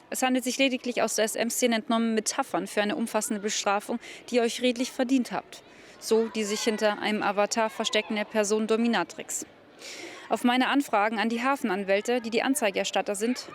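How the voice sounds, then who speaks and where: Woman reporter, slightly high voice, matter-of-fact, faint noise behind. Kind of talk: narrated report and interviews.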